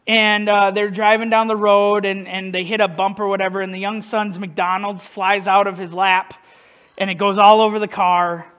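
Male pastor with a high, light voice; casual, self-deprecating sermon delivery. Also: flat delivery, moderate pace, fairly bright tone, clear, resonant tone, dull audio. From northern United States. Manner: conversational, self-deprecating, asks the congregation questions.

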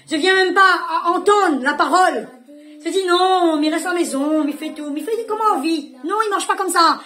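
High-voiced woman preaching fervently. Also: fairly bright tone. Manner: emphatic, repeats phrases for effect. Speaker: pastor. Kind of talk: fervent sermon. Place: church service.

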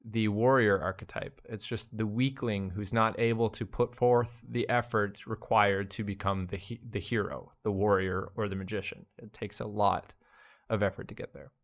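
A man's voice: on the low side, steady tone, moderate pace. A man co-hosting a casual podcast conversation, thinking aloud with fillers and restarts. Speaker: podcast co-host.

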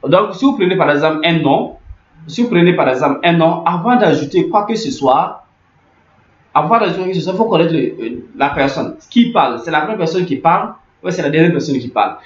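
A man's voice: fairly high pitch, expressive, fairly quick. A man explaining a language lesson over on-screen notes, repeating phrases with many fillers and muttered asides. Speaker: language teacher. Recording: echoey room, dull lo-fi sound.

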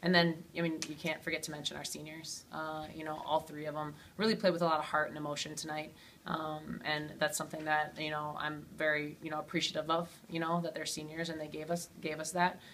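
Female coach, postgame interview, low monotone delivery, lots of filler words, faint hiss behind. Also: fairly quick. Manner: steady, many ums and you-knows. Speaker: head basketball coach.

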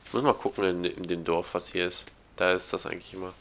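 A man casually playing a game with a friend, calmly narrating what he finds. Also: sits low, fast, gravelly, a little hiss or hum. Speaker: let's play co-player. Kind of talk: casual gaming banter.

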